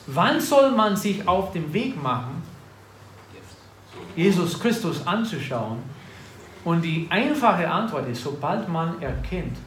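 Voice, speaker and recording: Male preacher, fairly high voice, earnest sermon delivery, roomy echo with faint background hiss. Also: fairly bright tone. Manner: reads scripture with rising emphasis, then drops low and earnest. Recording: echoey room with faint ambient noise.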